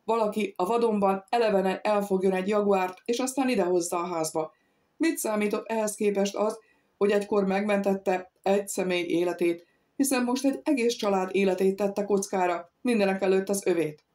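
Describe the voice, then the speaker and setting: A woman's voice: mid-range voice, a little mellow. Woman reading a novel aloud. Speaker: audiobook reader. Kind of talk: scripted narration.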